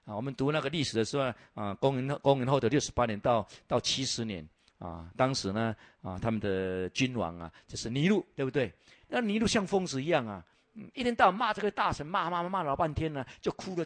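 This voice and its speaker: A man lecturing over slides about Bible lands, telling lively stories, asking rhetorical questions, and often filling pauses with "ah". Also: medium pitch, dry recording. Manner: frequent filler "ah".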